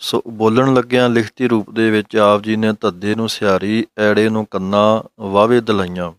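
Male teacher, low and steady, smooth clear tone, dry close sound, slow careful diction. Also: no room sound. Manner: slow, careful, instructive, recites lines slowly then explains. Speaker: Gurbani pronunciation teacher. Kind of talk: recitation lesson.

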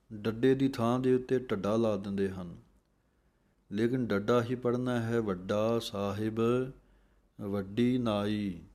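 A man teaching how to recite scripture. He chants each verse very slowly, then calmly explains how it should be pronounced. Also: medium pitch. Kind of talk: slow recitation lesson with pronunciation notes.

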